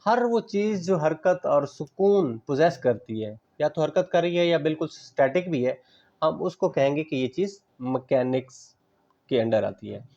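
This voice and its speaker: A man's voice: a little high, expressive, measured pace, dark tone, highs cut off. A man giving a classroom lecture on physical education, explaining patiently with everyday examples, mixing in English terms and checking that students understand.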